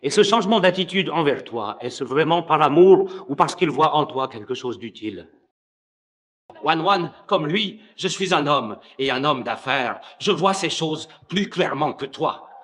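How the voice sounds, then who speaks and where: An actor dubbing a wealthy businessman father who coaxes his daughter, with a calm, fatherly manner. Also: fairly high pitch, unhurried. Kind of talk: dubbed drama acting.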